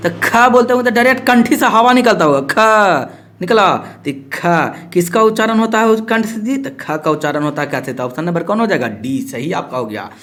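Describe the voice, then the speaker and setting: A man's voice: high voice, lively intonation, a little fast, a bit bright. A male teacher, running a playful exam-prep lesson who acts out student questions and repeats answers.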